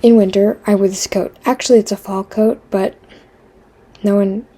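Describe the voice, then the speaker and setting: A woman vlogger tells a loose, wandering storytime as she draws, with plenty of fillers, self-interruptions and wry deadpan asides. Her husky voice sits at medium pitch, and she speaks at normal speed.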